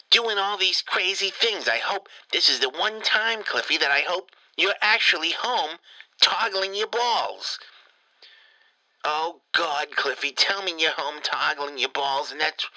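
A man voicing a nagging, crude old grandmother leaving a voicemail for her grandson, shrill and repeating his name over and over. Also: bright, forceful tone, no room sound, exaggerated voice, low-quality recording. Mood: pleading. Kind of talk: comedy prank voicemail.

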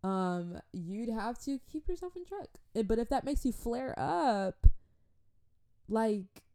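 A woman in her twenties casually telling a babysitting story, animated, with slangy asides and frequent laughter. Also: fairly high pitch, slow pace. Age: 20s. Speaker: vlogger.

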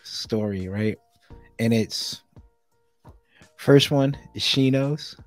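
A young man co-hosting a casual podcast, talking in relaxed, slangy banter. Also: medium pitch, extremely slow, no room sound, faint music behind. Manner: laid-back slangy banter. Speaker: podcast co-host. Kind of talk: casual chat.

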